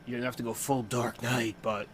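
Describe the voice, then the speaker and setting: A man's voice: mid-range voice, little pitch movement, normal speed, a little hiss or hum. A young man hosting a watch-along, giving casual reaction commentary full of playful, joking asides.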